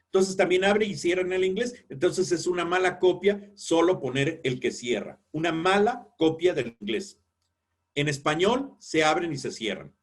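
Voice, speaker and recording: A man lecturing in a webinar on editorial writing, explaining clearly and acting out example sentences. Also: on the high side, animated, normal speed.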